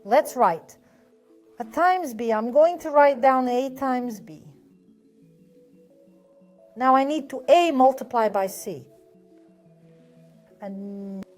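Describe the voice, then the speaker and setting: A woman's voice: high voice, lively intonation, takes it slowly, pauses often, darkish tone, soft background music. A woman teaching a math lesson step by step, patient and methodical, often asking a question and then answering it herself.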